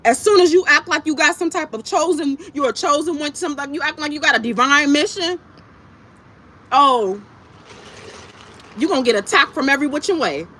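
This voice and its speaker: Talking to her livestream audience as she eats, a woman speaks bluntly in repetitive, profane slang with plenty of emphasis, in a casual but impassioned monologue. Her high voice has lively intonation, a moderate pace and frequent pauses, with a bright, forceful tone. Background noise is clear.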